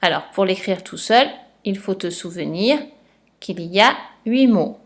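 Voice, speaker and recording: A woman's voice: medium pitch, lively intonation, unhurried, no echo. A woman teacher giving a patient spelling lesson and dictation to a young child, spelling letters out one by one and repeating each point. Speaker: primary school teacher.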